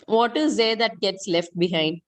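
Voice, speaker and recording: A woman's voice: medium pitch, measured pace. A middle-aged woman with an Indian accent teaching chemistry in an interactive online class, asking questions and repeating key points. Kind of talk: interactive online school lesson.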